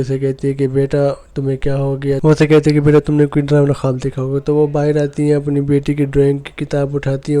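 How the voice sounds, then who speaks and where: A man narrating a film's plot scene by scene in a flat, even storytelling manner. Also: medium pitch. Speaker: movie recap narrator. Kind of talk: retelling a film plot.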